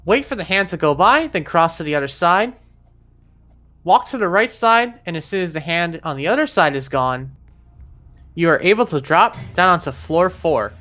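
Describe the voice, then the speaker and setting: A woman with a lowish, fairly bright voice talks players through a video game in an instructional walkthrough voice-over. She is animated and speaks at a normal speed, giving step-by-step directions.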